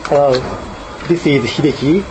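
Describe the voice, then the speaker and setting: A man from Japan, introducing himself in slow, careful phrases. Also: a little high, music in the background, rough recording. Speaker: adult English student.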